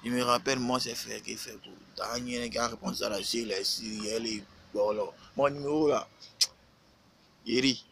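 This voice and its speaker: Man, gravelly voice, scolding and repetitive, faint hiss behind. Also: mid-range voice, steady tone, normal speed, a bit bright, low-quality recording. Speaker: rapper. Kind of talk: casual live-stream rant.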